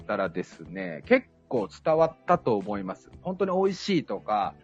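A man's voice: medium pitch, normal speed, vocal fry, slightly rough. A man with a Kansai accent, a liqueur maker telling stories in a casual live chat, laughing often. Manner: lively, laughing, storytelling with dialect. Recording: dull lo-fi live stream with faint music.

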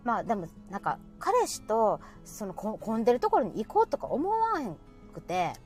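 A woman from Osaka chats in a Kansai accent, her high voice leaping up and down as she talks. She laughs often and keeps the conversation lively. Soft music plays faintly behind her. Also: normal speed. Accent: Kansai Japanese. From Osaka, Japan. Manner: animated and chatty, often laughing. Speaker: co-host of a live audio talk show. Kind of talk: casual chat.

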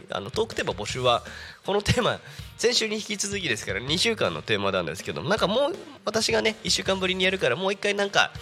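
A man's voice: on the high side, sharp tone. A man hosting a casual live local radio show, chatty and rambling, laughing often, with a stuffy nose and throat. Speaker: radio personality.

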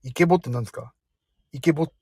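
Chatty self-mocking man, slightly husky. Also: a little high, fast talker, dark tone, no room sound. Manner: self-deprecating, chatty, reads out listener comments. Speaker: livestream host. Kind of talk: casual live-stream chat. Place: parked car.

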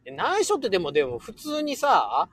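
A man's voice: sits high, wildly swooping pitch, moderate pace, fairly bright tone, no room sound. A man hosting a casual solo livestream, chatting playfully with listeners and laughing often. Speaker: livestream host.

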